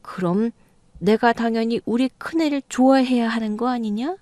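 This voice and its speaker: Woman doing an old mother-in-law, defensive, flustered, mellow dark voice, dry close sound. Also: a little high, moderate pace, no room sound, close to an everyday voice. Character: older mother-in-law, stubborn then backpedaling. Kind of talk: audio drama reading.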